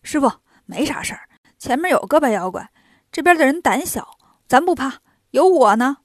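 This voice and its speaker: A woman voicing a clever, self-assured monkey hero who talks briskly. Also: sits high, animated, dry recording, clean studio sound. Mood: cocky.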